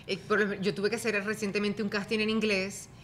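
A Spanish-speaking mother joins a casual podcast chat, speaking in a halting way when she switches to English. Her voice sits in a middle pitch, with a busy crowd clearly audible behind her. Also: level tone. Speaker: guest, mother.

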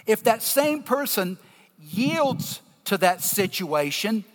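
A man with a deep Southern US accent preaching a sermon, teaching scripture emphatically and deliberately in short, broken phrases. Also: sing-song. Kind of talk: sermon, explaining scripture to a congregation. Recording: long reverberation of a large hall.

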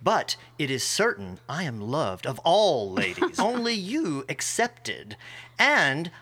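A man's voice: a little high, wildly swooping pitch, slow, sharp tone, full character voice. A man with a Texan accent reading a witty, boastful young nobleman in an amateur Shakespeare scene. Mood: mocking.

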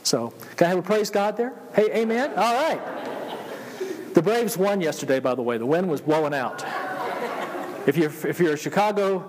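A male pastor with a Georgia Southern accent delivers a sermon in a high-pitched voice. He repeats key phrases and prompts listeners to answer him. His voice rings through a large hall with long reverb. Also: expressive, normal speed, pauses often, crowd noise, noisy background. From Georgia, United States. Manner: call-and-response, repeats phrases for emphasis. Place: church, preaching to a congregation.

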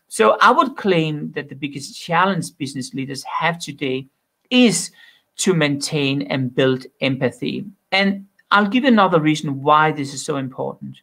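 A man's voice: a little high, vocal fry, a bit bright. A man from Denmark, an author answering interview questions in an opinionated way and making bold claims. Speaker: author and guest.

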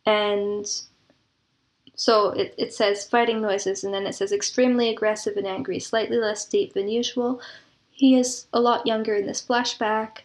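An audio drama producer and composer speaks conversationally as an interview guest, explaining her creative work in earnest detail. Her voice is medium-pitched and steady, at a moderate pace.

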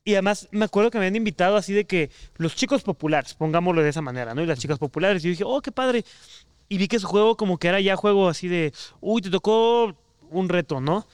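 A man's voice: high-pitched, racing, hardly any pauses, smooth, no room sound. A young man with a Mexican Spanish accent, a podcast co-host who chats casually, telling stories in a friendly, slightly hesitant way. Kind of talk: casual chat.

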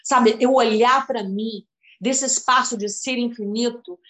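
A woman in her fifties with a slightly high voice, telling a personal story in a loose, emotional, rambling way. She keeps turning to her listener by name as she talks. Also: fairly even intonation, a little slow, fairly bright tone, echoey room. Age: 50s. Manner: emotional, rambling, addresses the other by name often. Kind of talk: casual conversation about healing and spirituality.

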